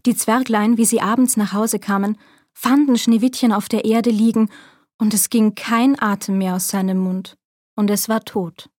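A woman telling a fairy tale aloud in a measured, expressive storyteller manner. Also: mid-range voice, no room sound, clean studio sound.

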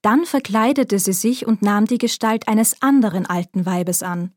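A woman telling a fairy tale aloud in a measured, expressive storyteller manner. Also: mid-range voice, no room sound, studio quality.

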